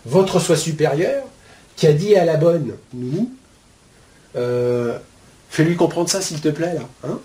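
A man teaching spiritual ideas to his viewers in a casual, colloquial way, with a steady stream of "hein" and "euh". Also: fairly high pitch. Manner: chatty, explains with homely metaphors.

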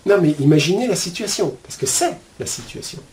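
A man teaching spiritual ideas to his viewers in a casual, colloquial way, with a steady stream of "hein" and "euh". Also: fairly high pitch, brisk. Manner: chatty, explains with homely metaphors.

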